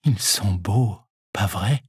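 A man voicing a frail elderly man speaking softly and weakly after a shock. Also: fairly low pitch, takes it slowly, husky, no echo, clean studio sound, full character voice. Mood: wistful.

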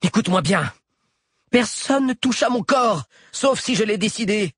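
A man voicing a fierce, defiant young woman held captive, shouting her defiance. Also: sits high, lively intonation, normal speed, husky, no room sound, studio quality, voice pushed up, full character voice. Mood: furious defiant.

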